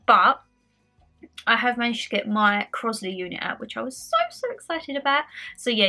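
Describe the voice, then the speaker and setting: Her voice is a little high, pushed and bright, though slightly nasal and stuffy because she has a cold. Vlogging from home, this young woman chats casually to the camera, rambling a bit and repeating phrases.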